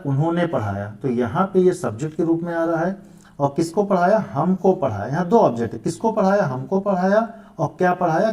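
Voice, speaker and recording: Man, English, grammar teacher, patient and repetitive, mellow voice, slightly raised pitch. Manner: patient, repeats points, addresses students as beta, asks and answers his own questions. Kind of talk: classroom lesson explaining grammar.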